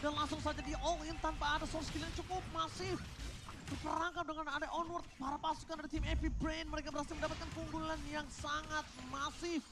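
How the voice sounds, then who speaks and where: Excited game announcer over clear background noise. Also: sits high, quick pace. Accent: Indonesian. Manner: exclaims in English amid Indonesian. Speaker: esports match commentator.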